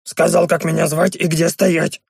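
A man voicing a fussy male dwarf who speaks in broken, gravelly phrases. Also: fairly high pitch, level tone, moderate pace, no room sound, studio quality, heavily acted. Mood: explaining.

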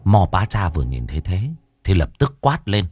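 Low-voiced male horror storyteller. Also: big pitch swings, moderate pace, a little mellow, faint music behind.

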